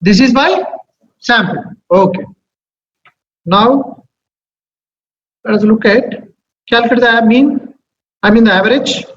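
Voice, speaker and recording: A man's voice: very high-pitched, takes it slowly, long pauses, fairly bright tone. A man with a Telugu accent giving an interactive lecture, repeating himself and checking understanding with short questions. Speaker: statistics teacher. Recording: muffled, echoey, noisy room recording.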